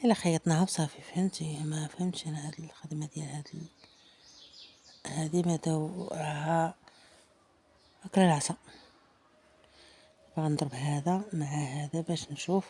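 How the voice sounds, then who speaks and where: A woman with a Moroccan Arabic accent talks quickly through an embroidery lesson in a relaxed, chatty way. She thinks aloud as she stitches and now and then drops into quiet murmurs to herself. A faint hum of room ambience sits behind her voice. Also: low-pitched. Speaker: embroidery teacher. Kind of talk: casual hands-on craft tutorial.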